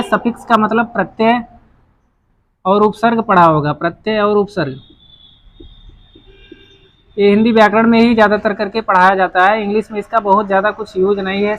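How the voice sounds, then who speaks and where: A man's voice: high voice, low-quality recording. A man teaching English grammar at a board, explaining patiently and repeating himself, often restarting a phrase while he writes. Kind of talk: whiteboard lesson explanation.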